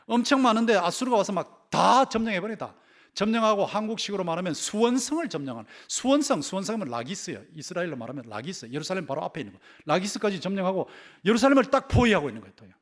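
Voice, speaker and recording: A man's voice: sits high, very animated, fast talker. A man preaching a Sunday sermon as pastor, stressing key words by repeating them and putting rhetorical questions to his congregation. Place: church sanctuary.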